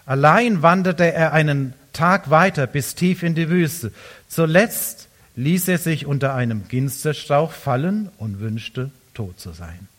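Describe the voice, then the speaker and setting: A man preaching a sermon as pastor, swinging between loud emphatic lines and hushed quiet ones. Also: fairly high pitch, unhurried.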